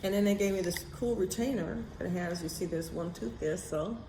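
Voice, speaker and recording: Speaking at a moderate pace with a voice on the low side, an American vlogger rambles casually through personal stories. She is blunt and candid, working her thoughts out aloud, while a roomy echo and faint background noise fill the recording.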